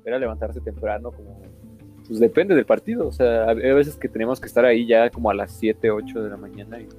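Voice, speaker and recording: Mellow young Mexican man, hesitant. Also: fairly low pitch, fast, soft background music. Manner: hesitant, searching for words. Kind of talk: casual chat, reminiscing with a friend.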